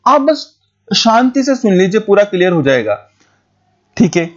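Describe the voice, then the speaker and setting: Man, teacher, high voice, rapid explaining, checks students follow, dull lo-fi sound. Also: sing-song. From India. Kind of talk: explaining a school biology lesson. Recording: dull lo-fi recording.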